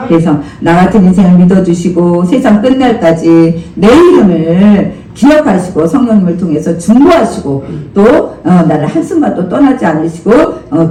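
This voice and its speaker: A man preaching from a church pulpit, his voice rising and falling with lively expression as he calls out to the congregation and waits for answers. He is picked up from a little way off the mic, so the big sanctuary gives the sound a roomy echo over a faint bed of ambient noise. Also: high-pitched, distant mic. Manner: animated, conversational preaching with call-and-response. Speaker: senior pastor. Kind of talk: sermon.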